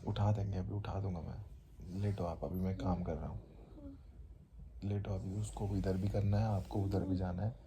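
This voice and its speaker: A man vlogging at home, talking to viewers and gently soothing his crying wife. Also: deep voice, steady tone, normal speed, a little hiss or hum. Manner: soothing, pleading softly. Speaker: vlogger, father. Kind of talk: casual family vlog. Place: home, indoors.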